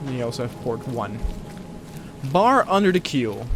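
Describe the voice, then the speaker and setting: A man's voice: medium pitch, very animated, normal speed, background noise. A man playing a game and commenting casually, muttering asides and reacting aloud as he goes.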